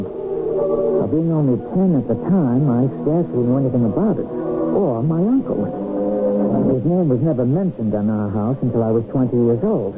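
A man's voice: on the high side, close to an everyday voice. An actor playing an earnest young man telling his family's mystery in an old-time radio drama. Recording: tinny old radio, loud music.

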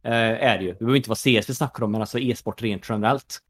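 A man from Sweden in his thirties, a former pro gamer turned esports executive, talking in a casual podcast conversation with lots of fillers and "you know" asides. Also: fairly low pitch.

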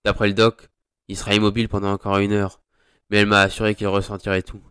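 A man's voice: lowish voice, completely flat delivery, fast, fairly bright tone, clear, resonant tone, no echo, clean studio sound, natural voice. A man voicing a grim, weary adult policeman who answers in curt, clipped lines in an audio drama. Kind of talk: audio drama read by one narrator.

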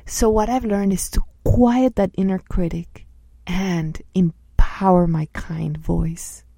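Woman coach, thirties, low gravelly voice, mellow tone, dry close sound, earnest personal talk. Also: fairly even intonation, slow pace, no room sound. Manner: soft-spoken, earnest, acts out inner voices.

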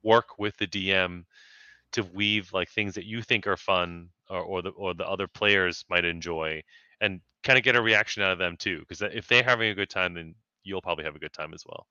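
A man's voice: deep voice, moderate pace, pushed and bright, clean tone, dry recording. A man talking as a podcast guest in casual chat, reflective and working through his thoughts with restarts. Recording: slightly dull lo-fi sound, dry.

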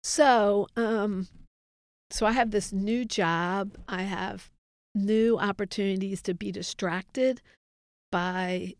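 Earnest woman with gravelly tone. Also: mid-range voice, steady tone, slow, dry recording, studio quality. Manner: earnest, reflective, quotes others in dialogue. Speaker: interview guest. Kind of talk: candid faith testimony.

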